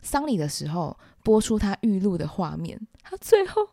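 Lady teacher w/ breaking down lyrics, playful n lively, super dry close sound. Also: on the low side, moderate pace, vocal fry, no room sound. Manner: lively, playful, laughs often. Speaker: English teacher. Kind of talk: explaining song lyrics.

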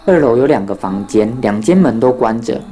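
Ghost story narration, dark mellow tone, faint music behind. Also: mid-range voice, lively intonation, brisk. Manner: acts out children's voices in dialogue.

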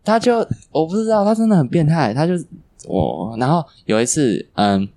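A young man, chatting casually and telling animated stories, laughing often and swearing casually. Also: on the high side, moderate pace, dry recording. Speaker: podcast guest. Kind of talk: casual chat. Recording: poor quality recording.

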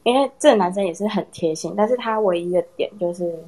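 A young woman casually telling a personal story in a chat with friends, animated and laughing often. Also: medium pitch, fast, husky. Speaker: storyteller in a horror story contest.

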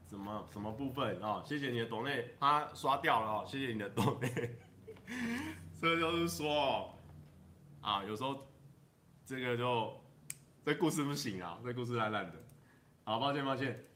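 A man with a Taiwanese Mandarin accent, casually chatting to a live stream audience. His voice is bright and forward, sitting at a middle pitch. He meanders through jokes, stretching his sentence endings and laughing at his own punchlines. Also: animated, a little hiss or hum. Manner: rambling, drawn-out sentence-final particles, chuckles at his own jokes. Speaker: livestreamer. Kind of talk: casual livestream chat telling jokes.

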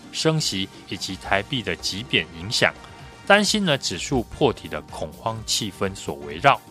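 A male analyst with a Taiwanese Mandarin accent explains the market in a prepared commentary. His voice is fairly low yet bright and forceful, with lively rises and falls. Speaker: stock market analyst, guest.

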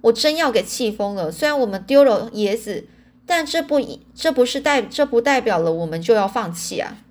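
A woman reading the lines of a stubborn, wry old grandfather in an audiobook, in a plain, steady storyteller's voice. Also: on the high side, fairly quick. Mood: grumbling.

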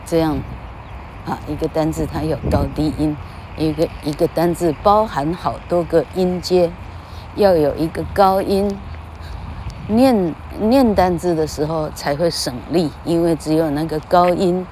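A woman's voice: deep voice, fairly even intonation, a little slow, warm tone, a little hiss or hum. A woman giving a comedic mock English lesson, lecturing and singing out long drawn vowels. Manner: lecturing, sings out drawn vowels, tags lines with "哈".

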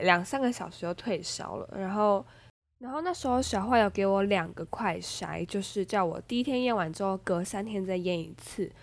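A young woman with a Taiwanese Mandarin accent and a stuffy nose, telling a story as a podcast host in a chatty, animated way with many fillers. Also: mid-range voice. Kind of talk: casual storytelling monologue.

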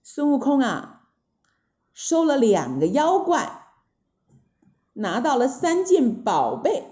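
A woman narrating a children's story in a lively, expressive way, often adding little fillers. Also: high-pitched, takes it slowly, lo-fi sound.

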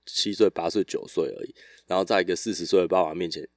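A man hosting a casual solo podcast, telling stories in a relaxed, rambling way with frequent restarts. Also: deep voice, fast, dry recording, studio quality. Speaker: podcast host.

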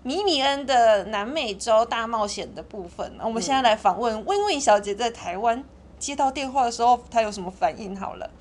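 A woman's voice: on the high side, animated, brisk, slight background noise. A woman, co-hosting a casual chat and steering it with follow-up questions. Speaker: podcast co-host. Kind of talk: casual chat among sisters.

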